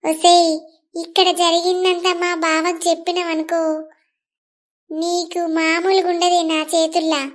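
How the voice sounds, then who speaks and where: A woman voicing a jealous young village woman who slowly threatens her rival, with a Telangana Telugu accent. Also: extremely high pitch, monotone. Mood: menacing. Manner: slow, menacing threats. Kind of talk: cartoon voice acting.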